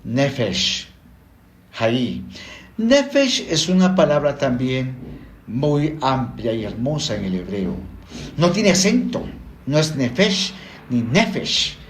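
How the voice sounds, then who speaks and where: A man teaching the Bible slowly and deliberately, explaining word by word. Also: medium pitch, big pitch swings, reverberant, slight background noise.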